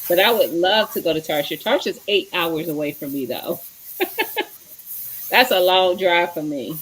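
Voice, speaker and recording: Female livestream host, lowish voice, loose and chatty, greets viewers as she goes. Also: animated, unhurried, fairly bright tone, slight background noise. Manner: chatty, greets viewers by name, searches while talking. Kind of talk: casual livestream chat.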